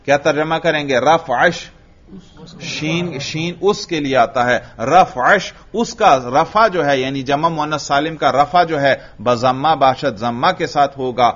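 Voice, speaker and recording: A man's voice: a little high, fairly bright tone. Man teaching grammar, questioning the class. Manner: asks the class questions and answers them himself, repeats key terms slowly. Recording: dull lo-fi recording.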